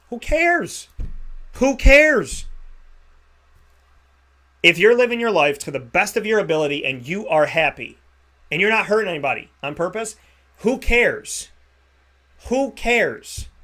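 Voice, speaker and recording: Man, thirties, high voice, bright tone, show host, emphatic, repetitive, motivational. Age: 30s. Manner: emphatic, repeats phrases for effect. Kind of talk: motivational monologue.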